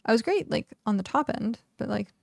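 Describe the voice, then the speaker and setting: A woman's voice: a little high, expressive, fairly quick, creaky, darkish tone, no echo, studio quality. A young woman game streamer chatting casually and rambling, with lots of "like", while she plays. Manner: rambling, chatty, heavy use of "like". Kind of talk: casual live-stream chat while gaming.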